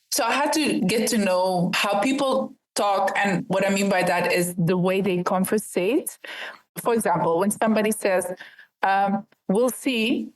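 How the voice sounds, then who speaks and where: A woman's voice: medium pitch, poor audio. Direct, earnest woman investor. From Ethiopia, raised in the Netherlands. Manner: direct, earnest, explains with rhetorical questions. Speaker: investor and entrepreneur guest. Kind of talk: podcast interview answers.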